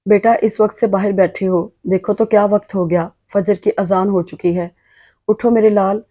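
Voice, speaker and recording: A woman voicing a gentle, protective older mother in an audio novel. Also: mid-range voice, fairly even intonation, moderate pace, lightly acted. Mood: tender.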